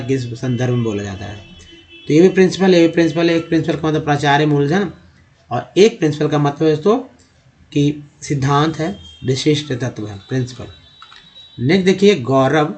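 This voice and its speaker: A man teaching English vocabulary over slides, repeating each word slowly and stretching its sounds to show the pronunciation. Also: a little high.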